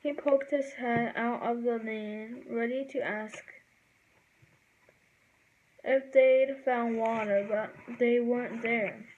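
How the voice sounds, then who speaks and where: A woman reading a children's book aloud, slowly and haltingly, sometimes stumbling over words and correcting herself. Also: a little high, steady tone, darkish tone, dull audio. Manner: slow, halting read-aloud with self-corrections. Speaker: reader.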